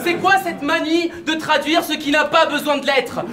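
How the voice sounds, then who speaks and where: A man's voice: very high-pitched, fairly even intonation, moderate pace. A man performing a cappella battle rap at a live event, delivering brash, mocking punchlines. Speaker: battle rapper. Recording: echoey venue, distant mic, crowd noise. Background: crowd reactions and laughter.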